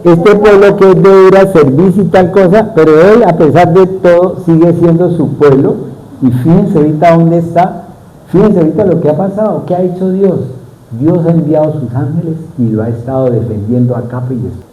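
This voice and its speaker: Male preacher, middle-aged, mellow voice, keeps quizzing the congregation. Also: a little high, a little fast, poor audio. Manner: asks the congregation questions. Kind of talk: sermon.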